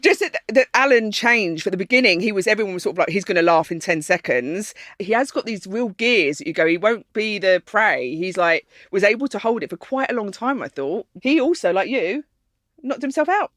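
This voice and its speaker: Woman host, chatty and teasing, lively pitch, dry close mic. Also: a little fast, dry recording. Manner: chatty, playful, teasing questions. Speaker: podcast host. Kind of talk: casual podcast chat.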